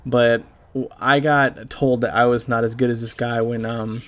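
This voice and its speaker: A young man giving a halting, casual voice-over over gameplay, full of fillers and swearing, as a clan leader recalling a friend. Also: medium pitch, level tone, fairly bright tone. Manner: halting, rambling, heavy with fillers; casual and profane. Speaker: gaming YouTuber and clan leader.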